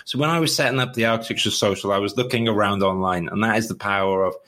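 Low-pitched, rambling male podcast host. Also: fast talker, fairly bright tone. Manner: chatty, rambling, self-deprecating. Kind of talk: casual interview chat.

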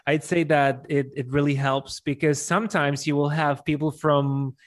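A Polish man, an event MC who is here as an interview guest, answers questions conversationally in a Polish accent. He often repeats words as he works out his explanations. His voice is on the high side, level in tone, at normal speed.

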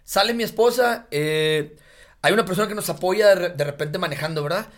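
Brief: excitable Mexican man, a guest, high voice, slangy storytelling that doubles back on itself. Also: fairly quick. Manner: animated storyteller, slangy, repeats himself. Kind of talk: casual podcast chat.

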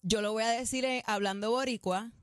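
A woman's voice: fairly high pitch, steady tone, fairly quick, clean tone, dry recording, soft background music. Puerto Rican woman host, casual radio banter, dry close mic. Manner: reads phrases aloud, laughing easily.

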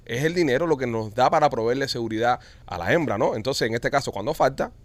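A man's voice: medium pitch, quick pace. A man hosting a casual podcast chat, rambling and joking with his guests. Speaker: podcast host.

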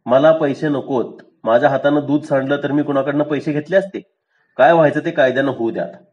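A man's voice: medium pitch, a little fast, a little mellow, dull audio, close to an everyday voice. A man voicing a stubborn, self-righteous poor village milkman in a rustic way of talking.

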